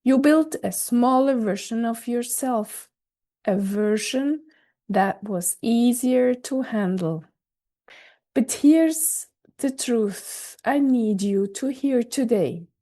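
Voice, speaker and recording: A woman hosting her own podcast, speaking a scripted reflective monologue with a gentle, reassuring delivery. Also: a little high, expressive, takes it slowly. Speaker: podcast host. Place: recorded in Switzerland.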